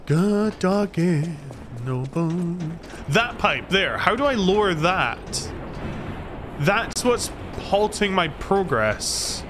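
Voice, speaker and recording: A Scottish man streams a video game, rambling casually and self-deprecatingly to his chat as he plays. His voice sits high and is expressive but extremely slow, with noticeable background noise in the recording.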